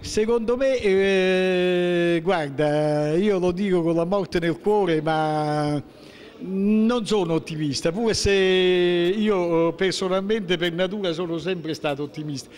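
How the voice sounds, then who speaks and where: Here a man in his sixties, a local political figure, gives an unplanned interview in the hallway of a public building, a handheld microphone pointed at him. He has a central-southern Italian accent from southern Lazio and a high, darkish voice trailed by long reverb. Aggrieved and emphatic, he stops and starts, firing off rhetorical questions again and again.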